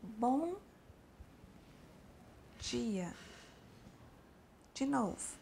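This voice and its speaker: A woman teaching a sign language class, explaining each sign slowly and speaking straight to the learner. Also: fairly high pitch, animated, creaky, dark tone, a little hiss or hum. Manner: slow, explanatory, addressing the learner directly. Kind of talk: spoken instruction for a sign language lesson.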